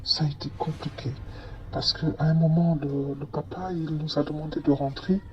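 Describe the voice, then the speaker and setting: A man's voice: fairly high pitch, fairly even intonation, normal speed, muffled recording. A man telling a first-person story in a hesitant way, with many fillers and restarts. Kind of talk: first-person testimony narration.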